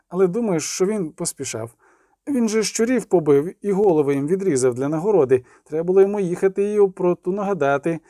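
Man doing a fawning peasant boy, higher voice, rambles on, dry close sound. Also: mellow, no room sound. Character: servile eager young male peasant lad.

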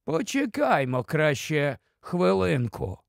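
A man's voice: fairly high pitch, sing-song, slow, creaky, no echo, clean studio sound, heavily acted. A man voicing a small, cautious male dwarf guide in an audiobook. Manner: hushed, careful.

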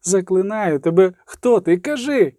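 A man's voice: sits high, animated, unhurried, dark tone, no echo, pitched above the performer's own voice. A young sorceress cries out incantations with desperate force, as a man reads her lines. Her voice sits well above his own and carries a commanding edge. The sound is dry and close.

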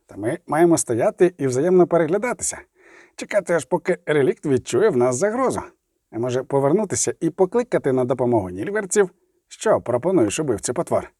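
A man voicing a gruff, blunt male dwarf leader in an audiobook, mocking and quick to swear. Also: fairly high pitch, very animated, warm tone, no echo, studio quality. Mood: sardonic. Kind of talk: audiobook reading.

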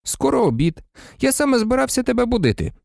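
A blunt teenage schoolboy, as a male narrator puts him on, indignant and outspoken, with a raised voice. The tone is warm and mellow. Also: extremely high pitch, big pitch swings, quick pace, creaky, dry recording, studio quality, pitched above the performer's own voice, exaggerated voice.

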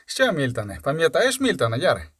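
Loud chummy young guy, high and pushy, a man putting it on. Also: wildly swooping pitch, fairly quick, husky, dry recording, heavily acted. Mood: jovial. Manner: loud and overly friendly. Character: loud, cheerful young man, boastful old acquaintance.

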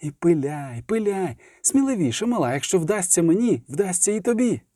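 Man voicing a hissing, scheming young captive; quiet, dry, close. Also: high-pitched, very animated, normal speed, no echo, pitched above the performer's own voice. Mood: hissed urging. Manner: hushed hissing commands. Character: cold scheming young male prisoner, hissing.

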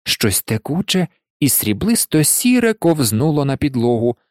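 A man narrating an audiobook in an expressive storytelling manner. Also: mid-range voice, moderate pace, no echo, studio quality. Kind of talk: audiobook reading.

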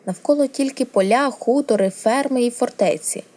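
A woman's voice: a little high, moderate pace, warm tone, pitched above the performer's own voice, lightly acted. A woman reading a storybook, voicing a prim, proper young noble girl who speaks with a primly indignant tone.

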